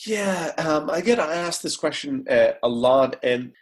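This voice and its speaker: A man's voice: a little high, animated, unhurried. A man from Greece, a startup CEO, speaking as a guest in a podcast interview over a remote call, telling his story with energy and plenty of fillers.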